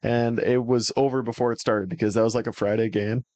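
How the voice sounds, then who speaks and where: A man's voice: mid-range voice, brisk, no room sound. A man co-hosting a podcast, chatting casually about football, swearing often and rambling with lots of fillers. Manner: profane, animated, rambling with fillers. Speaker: podcast co-host. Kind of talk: casual sports chat.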